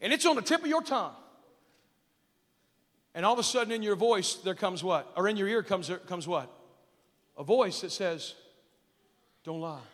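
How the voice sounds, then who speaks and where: A man with a high-pitched voice preaches as a pastor to a room of kids. He throws questions at his listeners and swells into loud, emphatic bursts, his words trailing off into the long reverb of a large hall. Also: expressive, normal speed, long pauses. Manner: preaching with call-and-response questions, rising to loud emphatic peaks. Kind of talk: sermon to kids at a camp.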